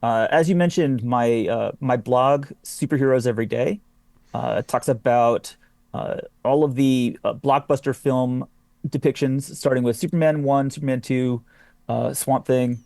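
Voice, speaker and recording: A man's voice: medium pitch, a little slow, vocal fry, darkish tone, no room sound. A man talking casually as a guest on a podcast. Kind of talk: casual chat.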